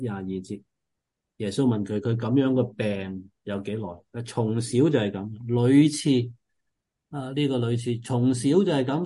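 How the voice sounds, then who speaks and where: A male preacher teaching scripture in an earnest, explanatory manner. His voice sits low and sounds warm and relaxed. He often stops on long filler sounds as he explains each verse. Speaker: preacher leading a Bible study. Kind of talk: Bible teaching sermon.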